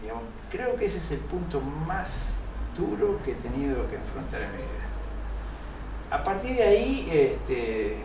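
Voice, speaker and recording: A man's voice: a little high, big pitch swings, a little slow. Older Italian-born man, distant and roomy. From Italy. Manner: hesitant, many fillers, earnest. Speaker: interview guest, engineer and researcher. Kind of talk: reflective interview answers. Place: TV studio set. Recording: roomy, distant mic, noisy.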